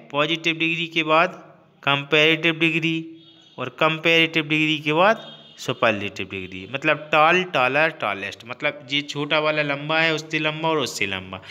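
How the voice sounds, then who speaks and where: Man, fairly high voice, online grammar teacher, repeats terms, quizzes listeners, mixes in English words. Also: bright, forceful tone. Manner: explains slowly, repeating terms and asking questions.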